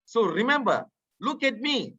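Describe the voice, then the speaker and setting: Very slow, bright-voiced man in his fifties. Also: very high-pitched, sing-song, husky. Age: 50s. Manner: emphatic, repeats key words. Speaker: guest speaker. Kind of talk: motivational talk in an online meeting. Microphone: video call. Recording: dull lo-fi video call audio.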